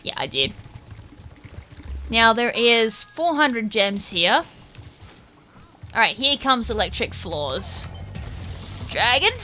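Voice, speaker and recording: Bright, excitable Australian woman gamer. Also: on the high side, takes it slowly, long pauses, slight background noise. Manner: excitable, chatty, self-mocking. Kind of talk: let's play commentary.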